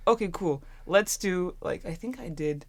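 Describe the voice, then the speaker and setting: A native German speaker from Turkey, this student in her twenties co-hosts and shares a story conversationally, chatting away with many restarts. She sounds fairly low-pitched and animated, speaking a little slowly.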